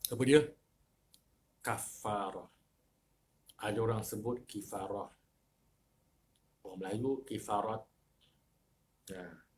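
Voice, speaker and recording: A man with a Malaysian Malay accent giving a lecture in a mosque as a religious teacher, putting rhetorical questions to the congregation and swinging between loud emphasis and low asides. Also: slight background noise.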